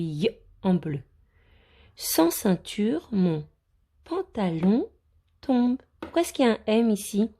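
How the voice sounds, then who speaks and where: A woman teaching a reading lesson to young children, sounding out words slowly and clearly with a lively, coaxing delivery. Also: mid-range voice. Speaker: primary school teacher.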